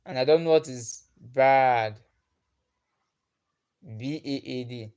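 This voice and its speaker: A man's smooth, darkish voice at medium pitch moves at a slow pace as he hosts a livestream. He's casually working through comments. Originally an Igbo speaker, he remains patient, repeats things, and often chuckles.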